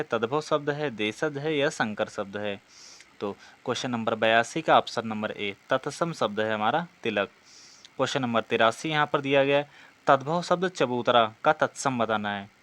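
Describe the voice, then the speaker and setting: Reading exam questions aloud, this man walks through each answer like a teacher, frequently asking and then answering his own questions. His voice is medium in pitch with a fairly bright tone.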